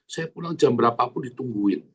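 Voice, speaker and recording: A male pastor, preaching in an animated, earthy way and calling out to the congregation. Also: medium pitch, fairly quick, breathy edge. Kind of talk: sermon.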